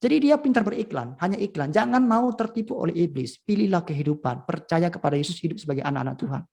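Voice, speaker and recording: A male pastor preaching a sermon at a school, telling stories with lively swings in pitch and volume. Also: fast talker, vocal fry. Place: school event.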